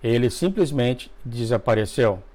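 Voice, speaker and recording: A man reading a dream testimony aloud to viewers, emotional, with asides, often coughing and clearing his throat. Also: mid-range voice, lively intonation, a little slow, darkish tone. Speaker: religious video narrator.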